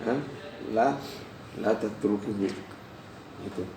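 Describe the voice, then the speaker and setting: A man's voice: takes it slowly, mellow. A man teaching Arabic grammar to a class in Indonesian, telling stories between points and often checking that students follow. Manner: digressive storyteller, drops his voice low, frequent checks "jelas?". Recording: roomy class recording from far off with faint noise.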